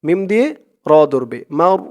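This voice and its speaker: A man teaching Quran recitation in a step-by-step lesson, with a Bangladeshi accent. He spells out each letter and vowel, then recites the words slowly and drawn out. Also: fairly high pitch, very animated, darkish tone.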